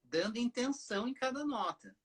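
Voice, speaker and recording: A man's voice: very high voice, lively intonation, normal speed, a loud crowd. A man with a Brazilian Portuguese accent, hosting a casual live chat and jumping in with his own memories. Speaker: host, violinist. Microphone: video call.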